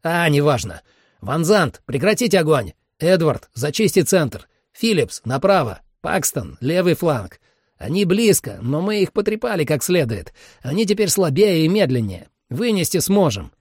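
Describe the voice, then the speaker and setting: A man's voice: fairly high pitch, sing-song, measured pace, husky, no room sound, clean studio sound, voice pushed up, exaggerated voice. A man reading an audiobook voices a tough veteran leader of monster hunters, barking clipped orders. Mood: commanding. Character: tough veteran male hunt leader, commanding.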